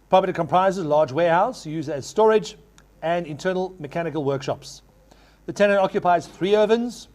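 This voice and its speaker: Give me a male auctioneer with a high-pitched voice. He runs a live property auction, addressing bidders formally and repeating figures as he calls for offers. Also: a little mellow. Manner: repeats figures in rapid chant when taking bids.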